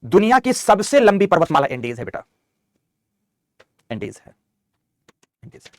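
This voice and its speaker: A man's voice: a little high, big pitch swings, normal speed, dry recording, studio quality. A man teaching a geography map lesson. He repeats key terms and calls his students "beta". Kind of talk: online map lecture.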